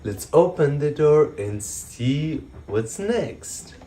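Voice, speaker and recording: Toddler-video presenter, woman: coaxing, drawn-out delivery, pitch swinging widely. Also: big pitch swings, dark tone. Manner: slow, exaggerated, coaxing speech for toddlers. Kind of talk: teaching toddlers.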